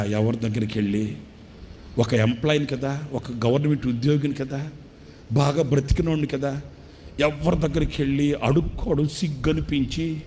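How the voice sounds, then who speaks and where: A man's voice: fairly high pitch, mellow, a little hiss or hum, voice pushed up, close to an everyday voice. A man voicing a starving elderly retired man who weeps and begs for food in a trembling voice. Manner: weeping, begging, trembling voice.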